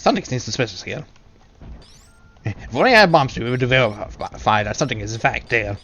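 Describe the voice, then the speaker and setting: A man's voice: mid-range voice, animated, a little fast, a bit bright, dull audio, soft background music. Playful Englishman rambling over gameplay. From England. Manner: rambling, playful self-talk with giggles. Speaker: video game streamer. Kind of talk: casual live gameplay commentary.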